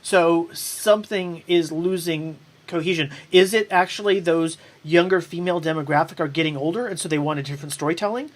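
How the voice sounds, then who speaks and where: A woman's voice: on the low side, fairly quick, few pauses. A woman hosting a casual online panel chat about television, talking in a rambling way with plenty of ums. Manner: rambling with fillers and restarts. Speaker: host.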